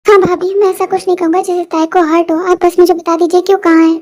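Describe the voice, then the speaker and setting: A very high-voiced reader playing a remorseful young man who pleads to be forgiven. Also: level tone, quick pace, a little mellow. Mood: pleading. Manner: pleading, apologetic.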